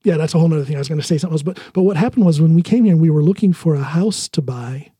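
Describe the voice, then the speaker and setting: An American podcast host talks casually and shares personal stories in a rapid-fire, slightly high male voice. His tone is dark and husky, captured in a dry, studio-quality recording.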